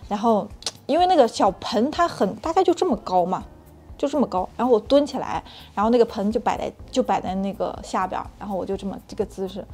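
Fast-talking woman telling a frank story. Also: mid-range voice, slight background noise. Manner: animated, chatty, full of filler restarts. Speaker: channel host sharing personal experience.

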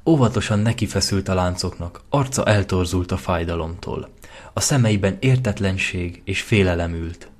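A man narrating an audio fanfiction reading with dramatic, measured storytelling. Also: low-pitched.

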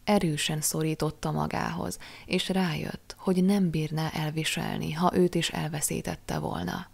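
Low, gravelly woman reading an audiobook. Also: level tone, darkish tone. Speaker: audiobook reader. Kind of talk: audiobook narration.

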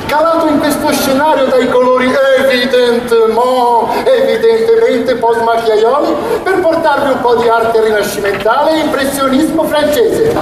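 Pompous auctioneer, very high pitched, theatrical patter, stage comedy, echoing distant hall. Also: male voice. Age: middle-aged. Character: flamboyant pompous French auctioneer and art presenter. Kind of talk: comic stage monologue. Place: theatrical stage before a live audience. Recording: echoey noisy hall from far off, audience.

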